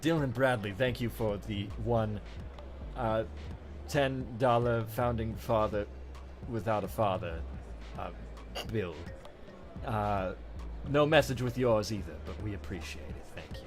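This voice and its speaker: A man's voice: fairly low pitch, unhurried, long pauses, natural voice. A man playing a brooding hedgehog antihero, hosting a livestream with dry, grumbling, hesitant banter. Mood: dry, appreciative. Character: Shadow the Hedgehog, brooding male anthropomorphic hedgehog held captive. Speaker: livestream host reading donations. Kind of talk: in-character improvised livestream banter. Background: background music.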